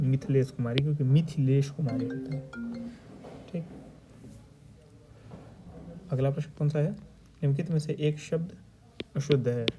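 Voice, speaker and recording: A man's voice: medium pitch, background noise. A man teaching a Hindi exam lesson. He reads out each multiple-choice question and its options, then patiently explains which spelling or sentence is correct. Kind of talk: previous-year paper discussion lesson.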